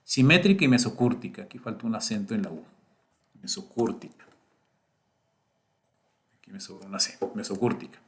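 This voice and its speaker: A man's voice: fairly low pitch, lively intonation, moderate pace, long pauses, fairly bright tone. Patient teacher, man. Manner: patient, explaining step by step and often checking "¿sí?" and "miren". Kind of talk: recorded screen-share statistics lesson.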